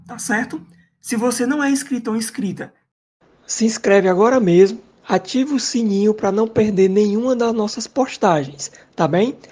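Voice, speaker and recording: A Brazilian Portuguese-accented woman presenting an astronomy lesson over slides, often tagging her sentences with quick check-ins to the viewer. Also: mid-range voice, dark tone. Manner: adds frequent checking tags like "tá bem?". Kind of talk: explaining slides in an online lesson.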